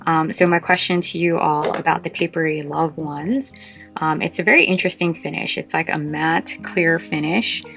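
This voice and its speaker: Casual vlog host, female, low register with vocal fry, short of breath, chatty and meandering, soft guitar underneath. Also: moderate pace. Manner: chatty and informal, meandering with asides. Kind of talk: casual chat showing a craft collection.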